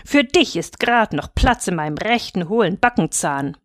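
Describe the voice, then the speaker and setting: A woman voicing a gruff old male chained wolfhound who growls and mocks in a storybook reading. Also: animated, normal speed, no echo, studio quality, natural voice. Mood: grim. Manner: growling, grim, booming.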